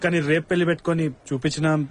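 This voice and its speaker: A man's voice: a little high, level tone, quick pace, close to an everyday voice. A young man on the eve of his wedding, flustered and evasive, stammering through excuses. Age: young adult. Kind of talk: film dialogue.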